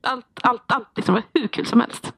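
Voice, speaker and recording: A woman's voice: fairly high pitch, creaky, fairly bright tone, husky. A young woman in casual podcast chat about games, playful, blunt and joking. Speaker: podcast co-host.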